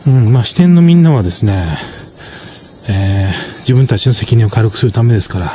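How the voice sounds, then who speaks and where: A man giving casual explanatory commentary as a drama reviewer, talking in a measured way with lots of fillers and soft tag particles. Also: fairly low pitch, lively intonation, background noise.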